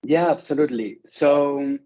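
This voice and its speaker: A man's voice: a little high, measured pace, dark tone. Chatty Venezuelan-born man, dull audio. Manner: friendly, chatty, many "like" fillers. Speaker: interview guest. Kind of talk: casual interview conversation.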